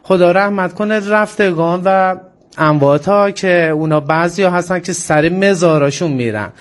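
A man with an Isfahani accent, answering politely and a little hesitantly as a guest in a radio interview. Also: high-pitched.

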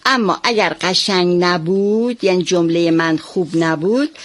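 Animated woman teaching young children. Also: fairly low pitch. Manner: animated, exaggerated and praising toward children. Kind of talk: children's classroom game.

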